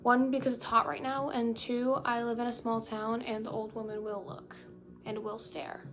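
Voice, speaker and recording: Speaking at normal speed with a flat delivery, a young woman's slightly high, a bit bright voice comes through a phone camera as she vlogs. Her casual talk rambles and keeps breaking off, all in an affected valley-girl inflection, over faint background music.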